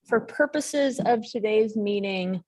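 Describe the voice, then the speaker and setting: A woman's voice: a little high, slow, a little mellow. A woman mayor chairing a joint public meeting in a city hall meeting room, in a conversational way with frequent ums.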